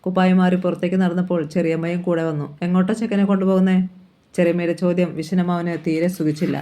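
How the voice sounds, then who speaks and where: A man reading a novel aloud in steady, even scripted narration. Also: high voice, fast talker. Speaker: novel reader.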